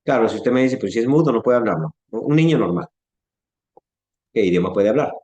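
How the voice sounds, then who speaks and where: A man's voice: mid-range voice, expressive, brisk, warm tone, reverberant, dull audio. A man with a Latin American Spanish accent teaching an informal church class, putting questions to his listeners and acting out speech sounds. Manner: conversational, asks the audience questions, acts out sounds. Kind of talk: informal Bible-class lecture.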